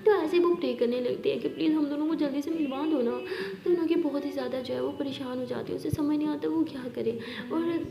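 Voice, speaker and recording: A woman's voice: high-pitched, brisk, vocal fry, echoey room, in a large hall. A woman telling a love story in a casual, chatty narration. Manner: chatty, conversational.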